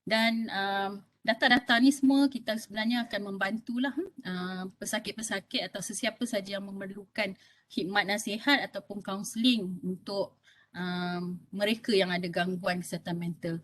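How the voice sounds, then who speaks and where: This health talk comes from a woman doctor in her fifties who has a Malaysian Malay accent and chats with her audience, frequently asking "okey?". Her mid-range, fairly bright voice has fairly even intonation and a moderate pace.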